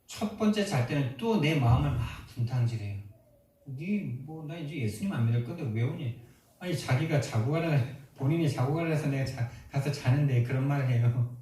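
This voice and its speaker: A man's voice: mid-range voice, dark tone. A male pastor preaching a sermon, emphatic and full of rhetorical questions to the congregation, in a church sanctuary. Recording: echoey hall from far off.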